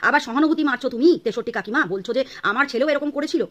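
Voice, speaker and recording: A woman vlogger from Bangladesh delivering an angry, insulting rant to camera. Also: sits high. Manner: scolding, insulting, rapid-fire.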